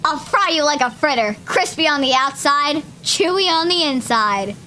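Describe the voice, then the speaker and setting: Woman reading as a haughty lunch lady witness, taunting, high, bright voice, game dialogue read aloud. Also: lively intonation, normal speed, slight background noise. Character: sharp-tongued adult female ex-detective lunch lady witness.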